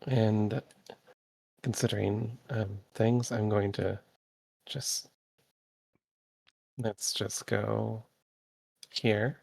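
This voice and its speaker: Male tabletop player, lowish and creaky, casual chat over rules and moves. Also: steady tone, very slow, pauses often, a little mellow, no room sound, poor audio.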